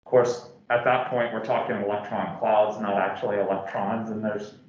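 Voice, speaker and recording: A man's voice: lowish voice, flat delivery, moderate pace, slight background noise. A man teaching a physics class with a sore throat and slightly slurred words, talking casually with lots of restarts and fillers. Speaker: physics lecturer. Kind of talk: classroom lecture. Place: lecture hall. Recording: echoey lecture hall, dull lo-fi sound.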